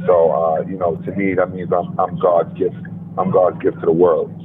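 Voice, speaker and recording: A man's voice: low voice, flat delivery, normal speed. A man from Brooklyn, a rapper calling in over the phone for a radio interview, talking in a laid-back, confident way with many fillers. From Brooklyn, New York. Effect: heard over the phone. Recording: tinny phone line, faint noise.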